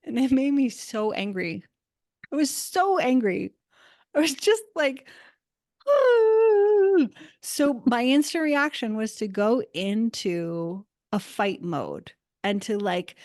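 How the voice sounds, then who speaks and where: A woman talks through her work and her everyday stories in a relaxed interview. Her delivery is reflective but animated, full of casual "like"s. The recording is close and dry, with no room sound. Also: on the high side, dry recording. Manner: reflective, animated storytelling with frequent "like". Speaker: guest, Akashic Records practitioner.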